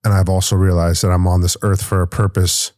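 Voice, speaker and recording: A man hosting a podcast interview in a relaxed, casual way, using slang. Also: sits low, a little fast, dry recording, clean studio sound. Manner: laid-back, says "bro" and "like". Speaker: podcast host.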